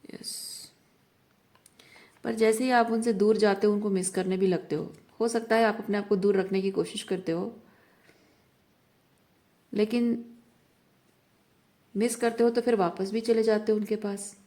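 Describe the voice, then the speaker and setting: A woman's voice: medium pitch, steady tone, moderate pace, long pauses, mellow. A woman reading tarot cards for the viewer, earnest and repetitive, mixing English words into her Hindi. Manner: earnest, repeats phrases for emphasis, mixes English words into Hindi. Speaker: tarot reader.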